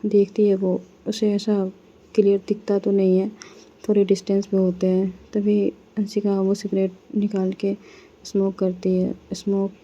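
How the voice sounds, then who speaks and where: A woman storyteller narrating a romance story in a steady, unhurried way, on a slightly dull recording. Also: mid-range voice.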